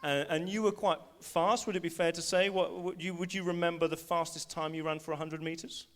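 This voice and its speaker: An English pastor with a slightly high, brisk voice preaches at a live church service held in a school hall. He calls volunteers up from the congregation and is animated, building his points with rising emphasis.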